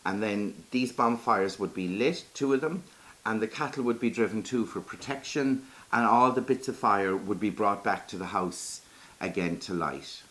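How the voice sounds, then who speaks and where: A man with a Kerry Irish accent telling folklore in a lilting, conversational storyteller's way. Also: fairly low pitch. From Ireland, Iveragh in County Kerry.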